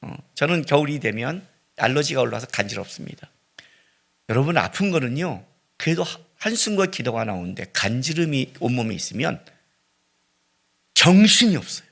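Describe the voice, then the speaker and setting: A middle-aged man preaching a sermon as pastor, swinging between loud cries and hushed, near-whispered lines. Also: mid-range voice, sing-song, a little fast, gravelly. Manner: dramatic preaching with sudden loud rises and hushed drops.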